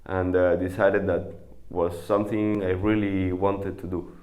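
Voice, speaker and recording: A man in his twenties from Spain, speaking English as a volunteer, talking to camera with many pauses and fillers. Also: low-pitched, flat delivery, darkish tone. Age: 20s. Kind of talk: interview to camera.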